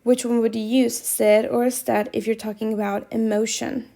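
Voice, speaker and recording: A woman's voice: fairly high pitch, flat delivery, moderate pace, creaky, warm tone. A woman teaching Spanish, reading quiz questions aloud and patiently repeating instructions to her students.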